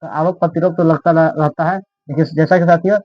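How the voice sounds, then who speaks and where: A man's voice: a little high, fairly even intonation, a little fast. A man giving casual political commentary, rambling and constantly asking his listeners "right?". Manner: rambling, keeps asking "ठीक है ना?". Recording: dull, lo-fi dry recording.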